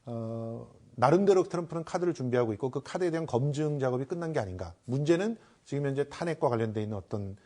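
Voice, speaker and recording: A man gives political analysis on a talk panel in a dark, mellow tone. He builds his argument deliberately and draws words out around thinking fillers, at an even middle pitch. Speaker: panel commentator.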